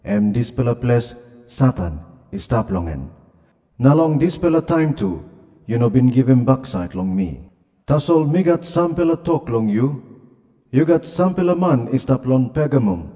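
A man's voice: mid-range voice, big pitch swings, moderate pace, dark tone, big-room sound. A man with a Papua New Guinean accent giving a solemn, scripted reading of scripture. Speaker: scripture reader. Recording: music behind the voice. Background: music.

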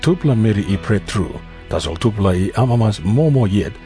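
A man with a lowish voice and a Papua New Guinean accent narrates scripture in Papua New Guinea pidgin. It is a scripted Bible reading, with music clearly playing behind him. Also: expressive, moderate pace, mellow.

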